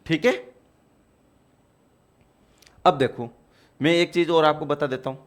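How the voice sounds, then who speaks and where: A man's voice: a little high, fairly even intonation, fairly quick, smooth. Man, lecture teacher, explains step by step, repeats key points, slightly raised voice. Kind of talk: exam-prep lecture.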